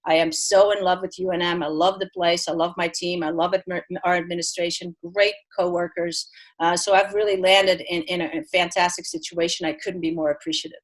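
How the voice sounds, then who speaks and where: In a roughly recorded remote interview, a head tennis coach from Belgium, middle-aged and raised speaking both Dutch and French, answers earnestly while frequently restarting and using fillers. She speaks briskly in a fairly low voice with little pitch movement.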